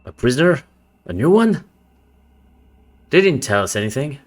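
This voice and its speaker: A man's voice: fairly low pitch, animated, normal speed, lightly acted. A man playing a bored, grumbling male guard in a tabletop game, speaking in casual slang. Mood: puzzled, annoyed. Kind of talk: tabletop game role-play.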